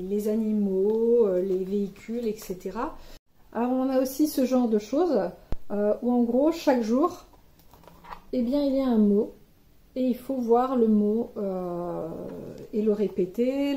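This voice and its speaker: A woman's voice: fairly high pitch, warm tone. A woman, a mother giving casual advice in a vlog, chatty and hesitant with many fillers. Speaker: parent vlogger sharing kids' activity ideas.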